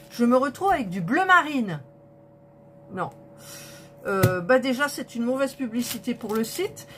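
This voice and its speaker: Slightly high-pitched, this woman's voice comes with a little background noise. Talking to her viewers in an unboxing vlog, she counts off the colour numbers of a diamond painting kit, sounding indignant and let down.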